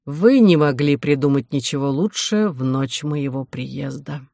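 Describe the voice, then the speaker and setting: A reader voicing a stern, scheming older medieval bishop who talks slowly and quietly in an audiobook. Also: medium pitch, animated, gravelly, no room sound, studio quality. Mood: stern, cold. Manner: slow, measured, quiet.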